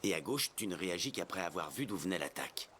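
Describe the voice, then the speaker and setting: Deep-voiced, gruff swordsman mentor. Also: lively intonation, fast, a bit bright, a little hiss or hum. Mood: commanding. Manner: blunt, commanding, grumbling. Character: gruff, stern adult male swordsman mentor. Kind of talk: anime dub acting.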